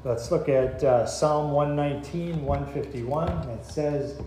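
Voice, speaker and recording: A middle-aged male pastor delivers a sermon at an unhurried, deliberate pace, pausing often. His voice is mellow and warm. The sound is very echoey, as in a church hall, with a faint hiss underneath. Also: fairly high pitch. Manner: slow, halting delivery with many filler pauses.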